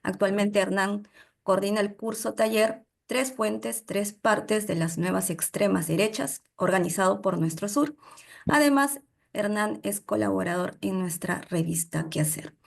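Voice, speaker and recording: Woman, moderator, formal read-out intro, gravelly fry. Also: medium pitch, unhurried. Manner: formal, read-aloud delivery. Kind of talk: scripted introduction.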